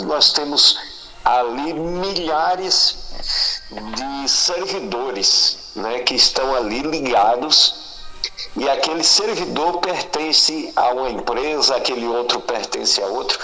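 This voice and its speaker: A man's voice: mid-range voice, slow pace, bright, forceful tone, rough recording. A man calling in by phone, heard over a speakerphone, patiently explaining something with everyday comparisons. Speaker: radio guest on the phone. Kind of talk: explaining by phone in casual conversation.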